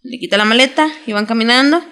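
A young adult woman with a Mexican Spanish accent, recapping a TV drama in casual, slangy, animated chat as a podcast co-host. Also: fairly high pitch, fast, clear, resonant tone. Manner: slangy, animated storytelling with quoted voices.

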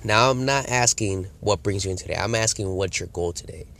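A man with a cold gives a casual sales-coaching talk to camera, voicing lines for both salesperson and customer. His lowish voice is slightly nasal and fairly bright, with vocal fry, and he talks a little fast.

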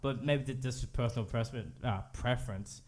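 A man's voice: mid-range voice, brisk. A young man co-hosting a sports podcast in loose, rambling casual chat, often breaking off to exclaim. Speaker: podcast co-host.

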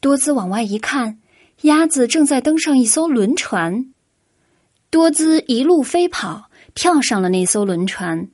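Unhurried woman reading a children's story. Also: high voice, animated, a little mellow, no room sound, clean studio sound.

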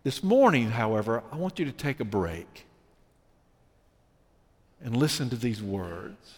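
A man preaching a sermon as pastor, alternating emphatic points with slow, weighty scripture reading. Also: medium pitch, very animated, a little mellow, husky. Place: church sanctuary. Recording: long reverb of a church sanctuary.

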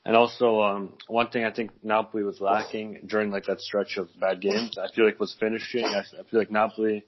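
A man co-hosting a casual football podcast, speaking in a measured way. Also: lowish voice, level tone, lo-fi sound. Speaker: podcast co-host. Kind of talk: casual chat.

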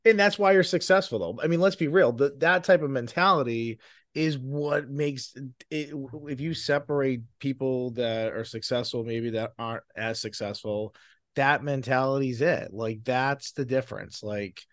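A man's voice: medium pitch, no room sound, clean studio sound. A man with a Boston accent hosting a podcast, chatting casually with enthusiasm and praising his guest. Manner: enthusiastic, quick to praise, laughs often. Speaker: podcast host.

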